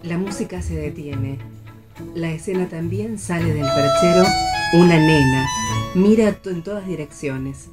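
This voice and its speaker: A woman reading stage directions aloud in a radio theatre reading, flat and measured. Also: lowish voice, loud music behind the voice.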